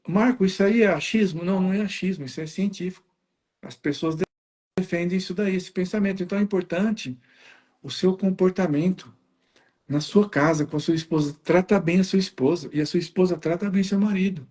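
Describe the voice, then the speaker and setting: A man's voice: high voice, fairly quick, a little mellow. A man, a guest on a faith-based talk, giving earnest family advice and acting out little quotes.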